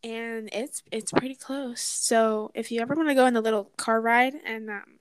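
Young woman guest on a chat podcast, blunt and teasing, highish voice. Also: fairly even intonation, normal speed, clear, resonant tone, dry recording. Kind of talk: casual chat.

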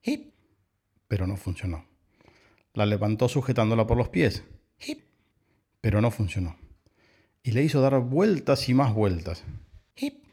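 Gravelly man reading a bedtime story. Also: on the low side. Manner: slow, gently expressive reading. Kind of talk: children's story read aloud.

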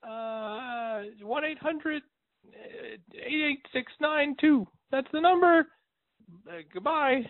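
Caller: man, high voice, slow, leaving a voicemail on a tinny dry phone line. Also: animated, dry recording. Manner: rambling, halting, full of fillers. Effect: voicemail message over a phone line.

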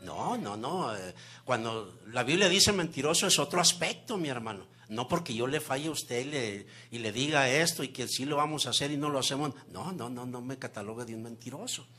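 A man preaching a sermon, keeps addressing the listeners as brother, and swings between loud emphasis and soft near-whispers. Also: medium pitch, brisk. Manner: lively preaching with frequent "mi hermano" asides.

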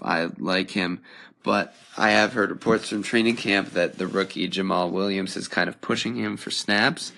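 Low, gravelly young man with a tiring voice. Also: fairly bright tone. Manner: casual, thinking aloud with frequent ums. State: voice wearing out, slightly hoarse. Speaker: podcast host. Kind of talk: solo podcast commentary.

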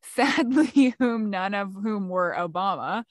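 Lively, laughing woman telling stories. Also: medium pitch, takes it slowly, no room sound, clean studio sound. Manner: chatty, laughs often while telling stories. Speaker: podcast co-host. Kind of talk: casual chat.

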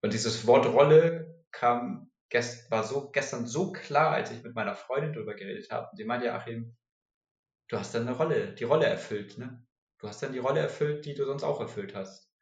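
A man's voice: mid-range voice, moderate pace. A man talking candidly and searchingly about his feelings in a personal conversation. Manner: candid, searching, mimics others' voices. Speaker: guest sharing personal struggles. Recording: roomy echo.

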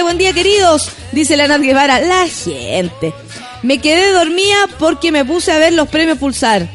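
A young Chilean woman hosting a casual radio show, chatting playfully and reading out listener messages with frequent laughs. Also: high voice.

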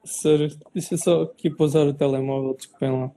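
High, dark-toned European Portuguese man bantering. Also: flat delivery, fairly quick. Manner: joking, repeats phrases. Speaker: guest. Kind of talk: casual banter.

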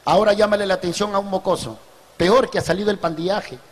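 A man's voice: high voice, steady tone, fast, in a large hall. A man with a Peruvian accent doing a crude, slangy street stand-up routine with punchy storytelling. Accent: Peruvian Spanish. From Peru. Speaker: street comedian.

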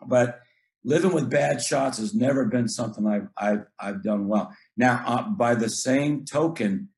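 A man's voice: mid-range voice, a little slow, a little mellow. A middle-aged man, a basketball coach, talking earnestly in casual chat, often repeating words and acting out what he tells his players.

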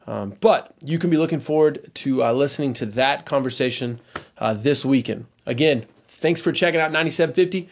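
A man hosts a casual church podcast in an easygoing, chatty way. He leans on ums and uhs as he talks. His voice sits at an ordinary middle pitch. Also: a little fast, background noise. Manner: relaxed, chatty, many fillers. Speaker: podcast host.

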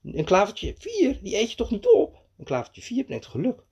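A man voicing a cheerful, overconfident little male mannikin in a storybook, with a husky voice. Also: on the high side, big pitch swings, a little slow, a little mellow, pitched above the performer's own voice, exaggerated voice. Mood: proud.

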